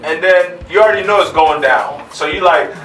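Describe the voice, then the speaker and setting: A man's voice: on the high side, fairly quick, reverberant, recorded from a distance, soft background music. A man appearing as a talk show guest, joking and laughing as he talks in casual debate. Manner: joking, laughs while talking, animated.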